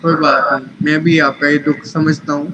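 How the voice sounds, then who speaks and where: A man's voice: a little high, little pitch movement, fairly bright tone, reverberant, slight background noise, low-quality recording. A man teaching tajweed in an online class, patient and corrective, mixing English phrases into his speech. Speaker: Quran recitation teacher.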